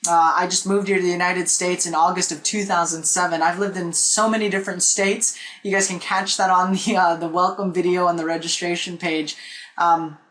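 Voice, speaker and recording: A Filipino man teaches a live online marketing webinar from a small indoor room with a whiteboard, recorded on a desk webcam. He speaks in a high, level, fairly bright voice at a brisk clip, keeping it chatty and often checking in with "okay?" and "right?"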